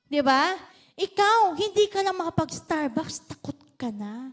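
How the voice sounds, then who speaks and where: A woman's voice: extremely high pitch, very animated, measured pace. A woman pastor with a Filipino accent, giving a sermon in a chatty, playful style and teasing the congregation. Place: church service.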